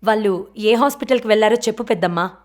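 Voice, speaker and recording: A woman's voice: medium pitch, close to an everyday voice. A woman voicing a careless, jobless young man who talks dismissively, in an audiobook. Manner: dismissive, quick.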